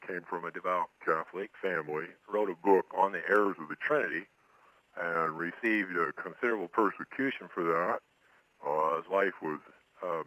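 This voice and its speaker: A man with a disguised deep voice, giving explanatory answers as an interview guest. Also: sharp tone, no room sound, rough recording. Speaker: guest, pseudonymous author.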